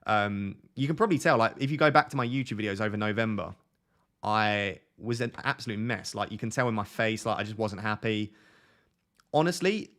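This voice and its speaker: Medium in pitch and a bit bright, the voice comes from an Essex man in his twenties with a toned-down local accent. Streaming fantasy football, he fields chat questions candidly, rambling and starting over as he goes.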